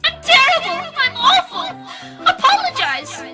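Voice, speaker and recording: A woman's voice: very high voice, wildly swooping pitch, a little slow, bright, forceful tone, soft background music, full character voice. A woman voicing a tearful, apologetic young woman who personifies Ukraine in a fan-dubbed anime. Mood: flustered, apologetic. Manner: weepy, apologetic, flustered. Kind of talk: fan-dub anime acting.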